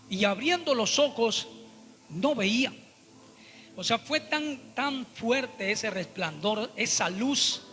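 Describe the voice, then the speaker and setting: High, bright-voiced male preacher. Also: in a large hall. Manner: emphatic, repeats words, addresses listeners as brothers. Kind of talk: Bible study sermon.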